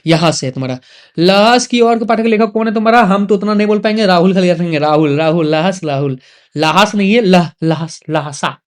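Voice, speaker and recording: A man's voice: high voice, brisk. A man with a Jharkhand Hindi accent teaching an exam revision lesson, firing off questions and answers, repeating words and teasing students.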